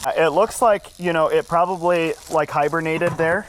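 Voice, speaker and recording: A man's voice: fairly high pitch, steady tone, moderate pace. Easygoing man vlogging, noisy outdoor recording. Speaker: snake remover and wildlife vlog host. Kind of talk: casual chat, on-location vlog. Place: outdoors in a backyard. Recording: clear outdoor background noise, clicks.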